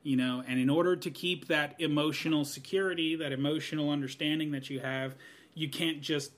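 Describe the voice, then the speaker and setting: A man's voice: a little high, steady tone, a little fast. A man in his thirties musing on growing older in a casual podcast chat, earnest and rambling, with many "you know"s. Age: 30s. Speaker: guest. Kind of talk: reflective podcast conversation.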